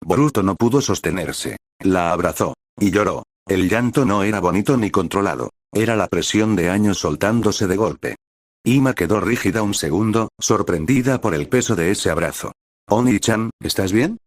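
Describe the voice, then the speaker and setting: Low-voiced guy reading a fanfic story, steady and solemn, dead dry mic. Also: normal speed, no room sound. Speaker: narrator. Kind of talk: dramatized fan fiction reading.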